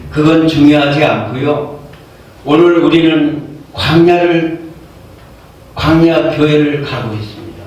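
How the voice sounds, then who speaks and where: A male pastor telling a Bible story as a sermon, conversational, with many hesitations and fillers. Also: a little high. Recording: echoey hall heard from far off, faint background noise.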